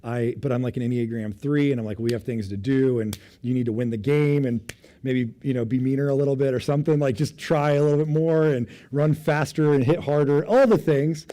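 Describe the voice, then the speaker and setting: A man in his thirties, a pastor, preaching a sermon with self-deprecating, animated storytelling. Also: mid-range voice, a little fast. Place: church.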